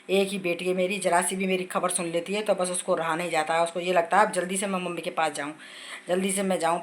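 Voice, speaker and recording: A woman's voice: fairly low pitch, a little hiss or hum. A middle-aged woman vlogging casually from her home kitchen while unwell, chatting at length and retelling conversations with family.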